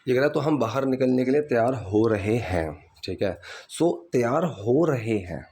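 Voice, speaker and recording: A man teaching English grammar in Hindi, reading English example sentences slowly and often saying "ठीक है". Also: mid-range voice, lively intonation, a little mellow.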